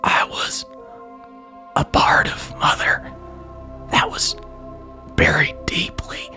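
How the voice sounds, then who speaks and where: A man's voice: slow, bright, forceful tone, soft background music. A man whispering as an eerie fungal creature. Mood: hushed, mournful. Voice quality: breathy whisper.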